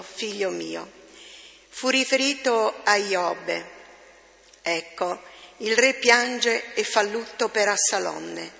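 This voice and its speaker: Female lector, measured scripture reading, gravelly, long reverb. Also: medium pitch, sharp tone. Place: church.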